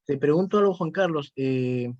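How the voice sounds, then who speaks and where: A man, a therapist, talks over a point in a casual, reflective way and keeps checking in with "¿no?". His voice sits a little high. The sound is dry and close. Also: normal speed, darkish tone, dry recording, dull audio. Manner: reflective, tags sentences with "¿no?". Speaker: psychotherapist. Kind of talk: casual conversation.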